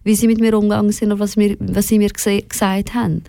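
In clean studio sound with no echo, a young Swiss woman of Afghan heritage speaks quickly as a candid, reflective interview guest, using a Swiss German accent and dropping in English words. Her medium-pitched voice is level, gravelly and dark, and the talk is personal.

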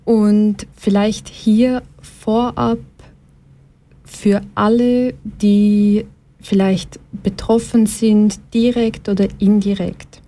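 A woman with a Swiss German accent hosting a radio talk show, introducing guests in a friendly, measured way. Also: medium pitch, little pitch movement, mellow. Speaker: radio host.

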